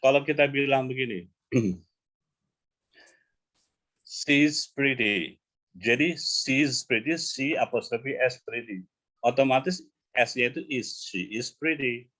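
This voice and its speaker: A male coach in a relaxed online class, talking through grammar points and slowing down to repeat each example. His voice sits at an ordinary middle pitch, heard over a video call. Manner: explains patiently, repeating examples slowly. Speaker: English coach. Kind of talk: casual online English lesson.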